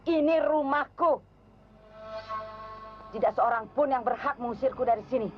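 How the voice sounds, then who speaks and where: High-pitched actress as a possessed woman, eerie spirit medium. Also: moderate pace, soft background music, close to an everyday voice. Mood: defiant, menacing. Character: possessed young woman speaking as a menacing female spirit. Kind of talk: Indonesian horror film acting. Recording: dull lo-fi old film soundtrack.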